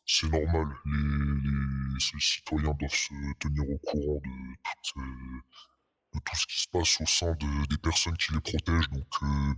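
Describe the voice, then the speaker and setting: A man playing an anonymous police officer giving guarded, hesitant, formal testimony in a disguised deep voice put through a voice changer. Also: flat delivery, measured pace, fairly bright tone, full character voice. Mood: measured. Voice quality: disguised, artificially deepened voice. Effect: pitch-lowering voice changer. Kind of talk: role-play interview. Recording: long echoing reverb, muddy voice.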